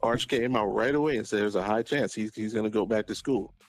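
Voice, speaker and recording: A man's voice: on the low side, brisk, over music. A man as a caller on a sports talk show, debating insistently and repeating his phrases as he pushes back.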